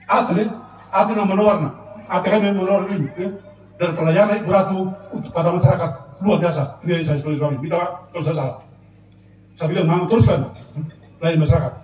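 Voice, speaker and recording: A middle-aged man with an Eastern Indonesian Sumba accent gives a halting, emotional personal account as a husband, full of repetitions and murmured fillers. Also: high-pitched, steady tone, darkish tone. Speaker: husband giving a public clarification. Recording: distant, echoey room with faint noise.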